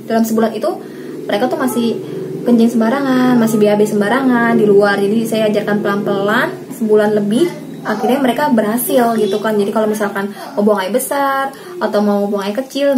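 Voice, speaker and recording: A woman in her thirties, a mother sharing parenting tips in casual direct-to-camera advice, chatty and addressing viewers warmly by a pet name. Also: on the high side, noisy background. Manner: chatty, addresses viewers as Mams, acts out her kids' lines.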